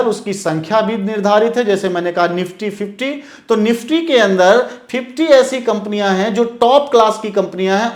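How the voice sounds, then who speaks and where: A man from India giving a classroom lecture on stock market terms. He repeats his points and asks and answers his own questions, checking in with "okay?" as he goes. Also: high-pitched. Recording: echoey room.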